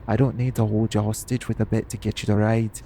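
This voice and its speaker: In an audio roleplay, a man voices a brash, foul-mouthed, cocky assassin, sounding cocky and teasing. His voice is on the low side and dark, delivered flatly, quickly, and only lightly acted. Vehicle noise is clearly audible behind him, giving a ride ambience.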